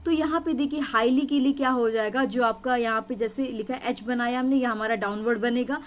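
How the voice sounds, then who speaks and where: A woman's voice: a little high, fairly even intonation, fairly quick. Woman teaching shorthand, patient and repetitive. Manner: patient, repetitive, checks in with "theek hai". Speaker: stenography teacher. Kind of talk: explanatory tutorial lesson.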